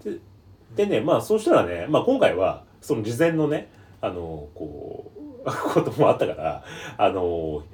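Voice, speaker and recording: Lively low-voiced man telling stories. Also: unhurried. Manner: rambling anecdotal storytelling. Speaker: podcast host. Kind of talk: casual chat.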